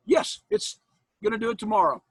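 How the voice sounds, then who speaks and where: Very animated and brisk, a sixties-age college instructor from Iowa, USA, jokes around with students after an online class. He's a man with a husky, higher voice, folksy and quick to laugh. He speaks from home through a computer mic on a video call, sounding close and dry with no echo.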